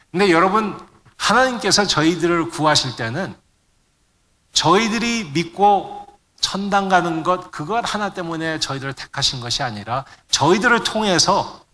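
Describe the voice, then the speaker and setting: A middle-aged preacher from a Korean immigrant family in the United States delivers a sermon to his congregation, occasionally searching for words and mixing in English terms. His voice is on the high side, bright and forceful, with long hall reverb.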